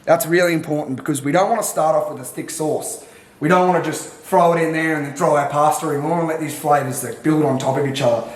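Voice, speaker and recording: In his echoey home kitchen, an Australian home-cook vlogger runs a mock cooking show, cocky, swearing a lot, and lecturing the viewer. He talks fast in a fairly high, steady-toned voice.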